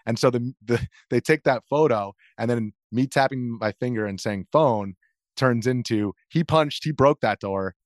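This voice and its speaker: An American video journalist, interviewed as a guest, tells anecdotes casually in a medium-pitched voice at a normal pace. He keeps interrupting himself and acts out what people said, and the studio recording is clean with no echo.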